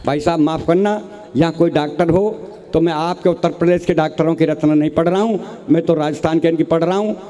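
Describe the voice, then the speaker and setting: A man's voice: a little high, fairly even intonation, fast talker, warm tone. A man from Rajasthan, a comic poet reciting a humorous story on stage, often calling the audience "brother". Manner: storytelling with quoted dialogue, addresses audience as bhai sahab.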